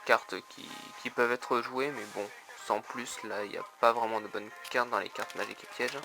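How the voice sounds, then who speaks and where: A man chatting casually on video as he shows his trading cards, halting with many fillers and repeating the same stock phrase again and again. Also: mid-range voice, fairly even intonation, over music. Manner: keeps repeating "donc voilà", a tic he admits to. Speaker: trading card collector showing his trade binder.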